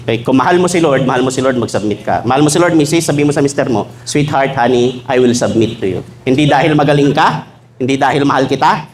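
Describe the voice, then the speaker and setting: A man preaching a sermon to a church congregation, mixing jokes with teaching and acting out little dialogues in shifted voices. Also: mid-range voice. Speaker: pastor. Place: church hall.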